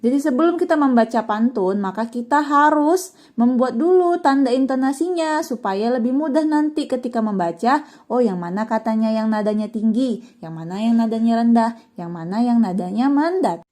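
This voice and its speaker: A woman's voice: fairly high pitch, expressive, moderate pace, darkish tone. A young woman teaching an online lesson to children, cheerfully asking questions and answering them herself. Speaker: religious school teacher.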